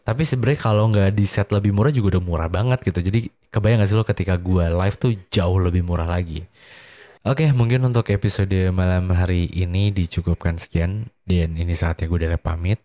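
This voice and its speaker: A man's voice: a little fast, warm tone, dry recording. A tired, drowsy man with an Indonesian accent, chatting casually as the host of a late-night solo podcast. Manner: sleepy, drowsy, low-energy delivery. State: tired and slightly unwell.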